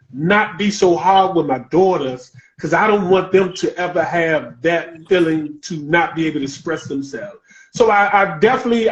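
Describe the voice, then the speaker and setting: High-voiced man hosting a casual chat. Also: highs cut off. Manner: laughing, loose and talkative. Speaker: podcast host. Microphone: video call.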